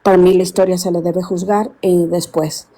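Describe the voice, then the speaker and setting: A woman, calling in to a live stream and speaking earnestly, often pausing to search for words. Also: fairly low pitch, little pitch movement, warm tone, rough recording. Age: 60s. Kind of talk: casual call-in chat.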